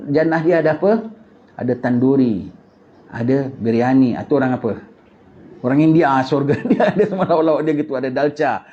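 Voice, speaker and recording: A man with a Singaporean Malay accent giving a religious lecture, animated, asking rhetorical questions and repeating phrases. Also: a little high, muffled recording. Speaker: religious teacher.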